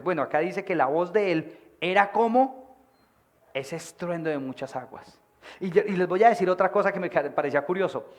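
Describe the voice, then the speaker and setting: A man preaching a sermon to his church, projecting his voice and acting out characters in the stories. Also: a little high. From Colombia. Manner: animated, acts out voices of people in stories. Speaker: pastor. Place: church meeting hall.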